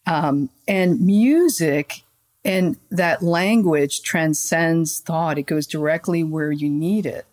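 Calm low-voiced woman guiding softly. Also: slow. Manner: calm, flowing, gently guiding. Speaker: podcast guest, spiritual channeler. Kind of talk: conversational podcast interview.

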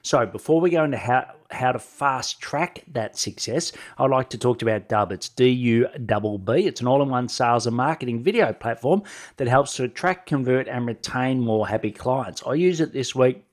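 A solo podcast host who works as a sales coach, a middle-aged man with a nasal voice from a head cold, talks directly to listeners at a moderate pace. His mid-range delivery is expressive and conversational, peppered with quick check-ins like "right?"

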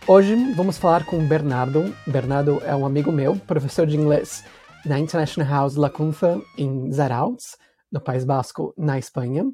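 A man from São Paulo with a São Paulo accent, hosting a relaxed chat for language learners and asking clear, measured questions. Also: a little high. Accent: Paulistano Brazilian Portuguese. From São Paulo, Brazil. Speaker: podcast host.

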